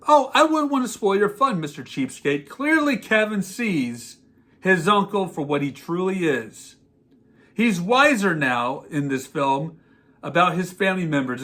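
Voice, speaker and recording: A man's voice: high voice, pushed and bright. A man hosting a podcast, giving a sarcastic, exasperated movie rant. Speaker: podcast host. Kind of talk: ranting movie commentary.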